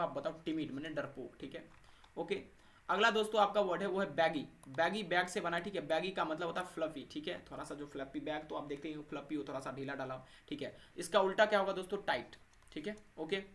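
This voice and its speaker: Guy teaching vocab for exams, a bit high voice, keeps checking in with students. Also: fairly quick, fairly bright tone. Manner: repeats 'thik hai' and 'doston' after each point, asks and answers his own questions. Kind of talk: exam-prep vocabulary lesson.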